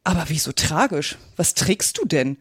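A woman's voice: deep voice, sing-song, moderate pace, slightly rough, no echo, clean studio sound, full character voice. A woman voicing Alice, a curious, earnest young girl who speaks eagerly and politely.

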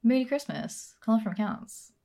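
A woman with an Australian accent, co-hosting a casual podcast chat, wry and quick with laughs and asides. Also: fairly high pitch, animated, gravelly, warm tone. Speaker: podcast co-host.

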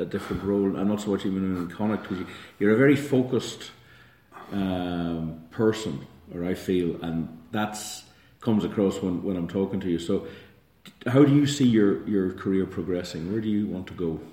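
A man asking conversational interview questions in a halting way, rephrasing as he goes. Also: fairly low pitch, dark tone, roomy sound.

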